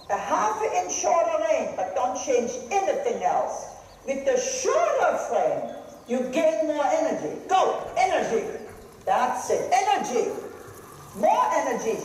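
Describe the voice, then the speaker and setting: A riding instructor coaching live in a large arena, calling out short, brisk, projected commands. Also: high voice, a little mellow. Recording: very echoey hall, some noise.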